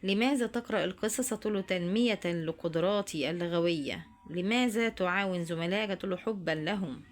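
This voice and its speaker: A woman's voice: on the low side, fast talker. A woman teacher with an Egyptian accent, walking students through homework answers and addressing them directly. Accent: Egyptian Arabic. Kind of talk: homework walkthrough lesson.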